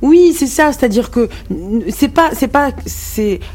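A woman's voice: high-pitched, expressive, measured pace, darkish tone. Outspoken woman musician. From Morocco. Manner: outspoken, frank, many restarts and fillers. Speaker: musician guest. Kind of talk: radio interview.

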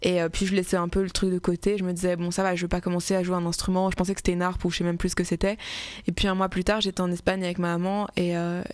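A young woman chats as a radio guest, circling her thoughts with plenty of false starts. Her pitch stays level, with little rise or fall, and the studio sound is close and dry with no room echo. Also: little pitch movement, rapid-fire, darkish tone. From Belgium. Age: 20s. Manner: talks in long searching runs with many restarts and fillers. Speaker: guest musician. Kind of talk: casual radio interview.

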